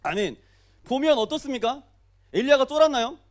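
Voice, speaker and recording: Fast, lively high-voiced male pastor. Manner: lively, jokey preaching with questions to the congregation. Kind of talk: early-morning sermon.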